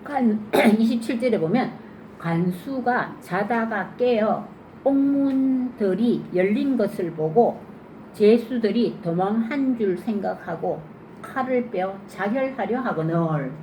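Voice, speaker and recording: 질문 많이 던지는 여자 주일학교 설교, 잔잔한 잡음, 울림 있음. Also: female voice, medium pitch, takes it slowly. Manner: lively questioning, acts out scenes. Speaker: children's sermon teacher. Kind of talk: interactive Bible sermon for children. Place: church. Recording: echoey church room, faint noise.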